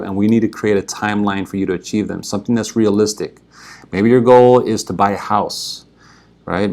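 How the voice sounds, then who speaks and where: A man's voice: fairly low pitch, vocal fry, a little mellow. A man working as a financial advisor, explaining his services straight to the viewer in an earnest, persuasive way, often checking in with "right?" and "okay". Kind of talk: direct-to-camera explainer.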